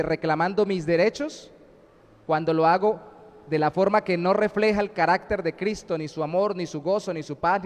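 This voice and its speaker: Pastor preaching in a reverberant church. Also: male voice, fairly high pitch. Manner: reads scripture aloud and explains it, deliberate. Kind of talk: sermon. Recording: live stream in a reverberant church.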